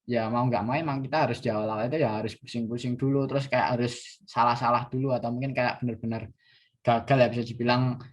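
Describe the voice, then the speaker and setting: A man's voice: medium pitch, fairly even intonation, quick pace. Hesitant young man. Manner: hesitant, many fillers and restarts, coughs at times. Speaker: workshop speaker. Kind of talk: casual online class talk.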